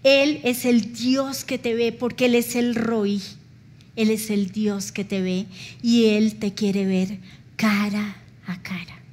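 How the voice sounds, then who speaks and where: A woman's voice: mid-range voice, little pitch movement, takes it slowly, darkish tone. A middle-aged woman pastor, preaching a sermon and telling a personal story with feeling and acted-out dialogue. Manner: emotional storytelling, acts out dialogue.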